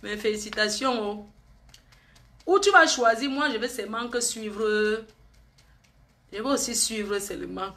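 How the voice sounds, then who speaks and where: A woman's voice: a little high, measured pace, long pauses, a bit bright. A woman, chatting and gossiping on a live stream, teasing and often laughing.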